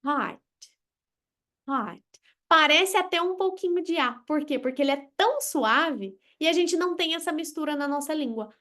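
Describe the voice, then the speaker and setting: A woman's voice: high voice, brisk, hardly any pauses, a bit bright. A Brazilian woman teaching a live English lesson, blunt and playful, drilling words with exaggerated pronunciation.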